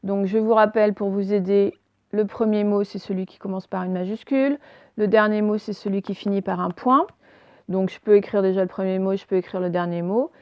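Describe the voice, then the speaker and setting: Brief: woman teacher, mid pitch, slow patient dictation, dry close sound. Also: steady tone, darkish tone, no echo. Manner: slow, careful dictation, spelling letter by letter. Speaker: primary school teacher. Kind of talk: recorded remote spelling lesson.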